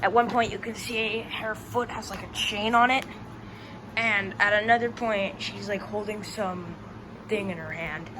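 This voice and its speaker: A woman's voice: medium pitch, steady tone, a little slow. A young female interviewer chatting casually and asking questions about reactions. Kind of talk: casual chat. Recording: noisy home recording.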